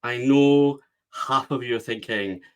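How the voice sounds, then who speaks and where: A man with a West of Scotland accent talks as a guest on an interview podcast. His voice sits at an ordinary middle pitch, and he leans hard into his points, piling phrase on phrase. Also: measured pace, clear, resonant tone. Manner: emphatic, builds points in repeated phrases. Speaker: guest, book strategist.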